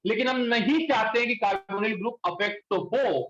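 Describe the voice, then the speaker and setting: A male chemistry teacher lecturing a class in speech, quizzing students and pushing them to answer quickly. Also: high-pitched, fairly bright tone. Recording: echoey room, dull lo-fi sound.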